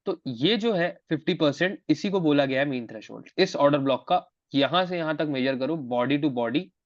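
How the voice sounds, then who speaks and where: A man's voice: on the high side, expressive, moderate pace, no echo, highs cut off. A man mentoring trading students in a live online class, repeating key phrases for emphasis and switching between two languages.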